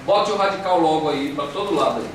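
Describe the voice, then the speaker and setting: A man with a Brazilian Portuguese accent teaches a Greek class in an echoey classroom, drilling students on repeated syllables and coaxing them with questions. His voice sits fairly high and he speaks fast. The lecture was recorded on a distant mic in the reverberant room, with faint hiss.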